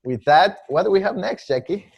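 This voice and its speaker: A man's voice: sits high, animated, fairly quick, vocal fry, slightly rough. Guy hosting a virtual event, upbeat, plugging stuff. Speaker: event host.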